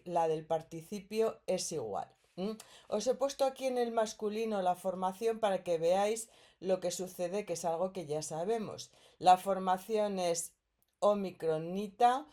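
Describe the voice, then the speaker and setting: A woman with a Spanish accent from Spain gives a recorded grammar lesson, moving slowly and deliberately. Her voice is mellow and warm, never sharp. She explains patiently, step by step, often pausing to check that her students are following. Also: mid-range voice. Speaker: teacher.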